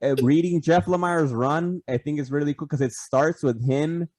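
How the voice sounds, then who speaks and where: A man's voice: fairly high pitch, normal speed, a little mellow, no echo. A man co-hosting a casual podcast over a video call, rambling with lots of restarts, fillers and swearing. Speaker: podcast co-host.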